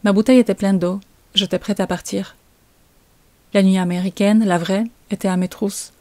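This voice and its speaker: A woman's voice: mid-range voice, steady tone, normal speed, mellow, no echo. A woman, telling a suspenseful first-person story as a comic author. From Poland.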